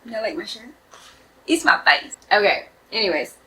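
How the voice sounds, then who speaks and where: A woman's voice: mid-range voice, animated, moderate pace, pushed and bright, a little hiss or hum, poor audio. A woman streamer casually reacting to a true crime video, chatty and laughing, with swearing asides.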